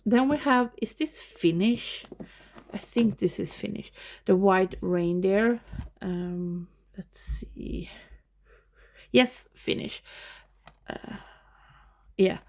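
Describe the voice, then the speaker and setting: A woman's voice: mid-range voice, slow pace, pauses often. A woman from Sweden with a Swedish accent, chatting casually in English as she shows off her shelves of movies at home, laughing often between remarks. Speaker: movie collector showing her collection. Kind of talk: casual show-and-tell vlog.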